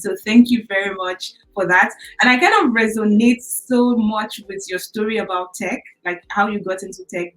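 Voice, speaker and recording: A woman's voice: mid-range voice, a bit bright, poor audio. A woman hosting an interview over a video call, affirming her guest and talking in a chatty way with many fillers. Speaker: interview host.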